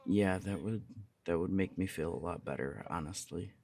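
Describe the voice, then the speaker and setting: In an ASMR roleplay audio drama, a man voices a jealous, lovesick young punk roommate. His low, darkish voice comes out halting and confessional, laced with swearing, in a quiet, confiding mood.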